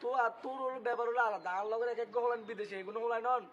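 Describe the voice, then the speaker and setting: Guy doing snarky noakhali bengali buddy in a comedy skit, super high voice, fast talker. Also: steady tone. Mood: mocking. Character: teasing, condescending young male friend. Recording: muffled lo-fi, crowd noise.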